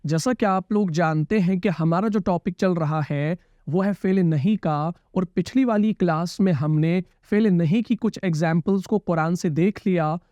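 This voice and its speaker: High-voiced male Arabic grammar teacher. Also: normal speed, dark tone, no room sound, muffled recording. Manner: explains patiently, repeats key terms, checks understanding with questions. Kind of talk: classroom-style grammar lesson.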